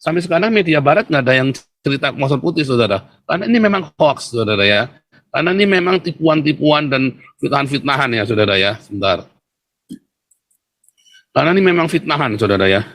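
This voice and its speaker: Mocking man with higher voice. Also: animated, fairly quick, a bit bright. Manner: mocking, sarcastic, keeps addressing listeners as "saudara", laughs often. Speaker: political commentator. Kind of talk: casual commentary reading headlines.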